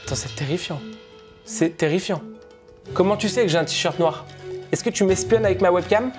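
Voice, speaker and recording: A man's voice: high-pitched, moderate pace, over music. A young man in a reaction vlog, jittery and laughing, who repeats himself when uneasy, talking into a headset mic. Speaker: gaming and tech YouTuber.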